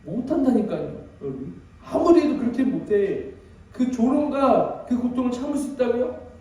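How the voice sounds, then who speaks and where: A man's voice: extremely high pitch, expressive, normal speed, mellow. A man preaching an emotional sermon as pastor, dramatic and emphatic, with many rhetorical questions. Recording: very echoey hall, distant mic.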